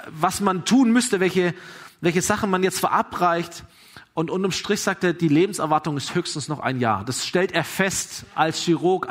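A man preaching a sermon, telling a story with emphatic rises and hushed drops. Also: fairly high pitch. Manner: emphatic, swings from raised to hushed. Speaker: pastor.

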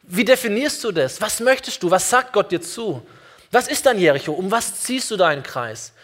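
Preaching earnestly, a pastor with a high-sitting, expressive voice speaks at normal speed. He poses many direct questions to his congregation and speaks to them warmly and personally.

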